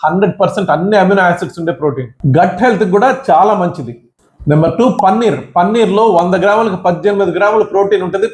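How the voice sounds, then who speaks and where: Fast-talking high-voiced man, echoey room. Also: darkish tone. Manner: brisk, listing facts with numbers. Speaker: nutrition content creator. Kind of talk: quick countdown explainer.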